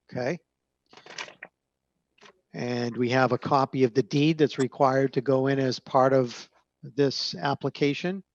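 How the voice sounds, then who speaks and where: A man on a video call, presenting application documents to a zoning board page by page in a measured, hesitant way with frequent fillers. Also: mid-range voice, dry recording. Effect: heard over a video call. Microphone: computer microphone on a video call. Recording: dull, narrow-band call audio.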